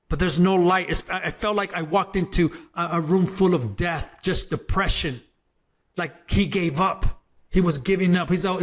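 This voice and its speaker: His voice sits high. He's a former gang member on an interview show, telling his personal testimony as a story with earnest emphasis and frequent repetition of words as he builds.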